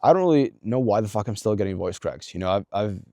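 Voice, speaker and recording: Animated and fast, the young man's warm, low-side voice drives a casual motivational pep talk aimed at the viewer. As a self-improvement vlogger he's blunt and sincere, swearing a lot and leaning on fillers and restarts. The sound is dry and clean, studio grade.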